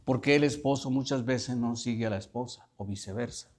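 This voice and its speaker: A male priest giving a sermon, asking the congregation questions and repeating lines slowly for emphasis. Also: mid-range voice, darkish tone. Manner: questioning the listeners, slow emphatic reading.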